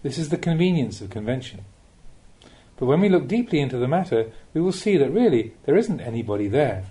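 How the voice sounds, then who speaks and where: A male narrator reads Buddhist teachings for a spiritual audiobook, his tone soft and mellow. His pitch moves in an animated way, and he delivers the talk with a measured, teaching cadence.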